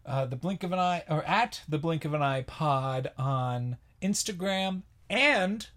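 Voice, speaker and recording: A man co-hosting a comedy podcast, deadpan and quick in casual chat. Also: fairly high pitch. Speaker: podcast co-host.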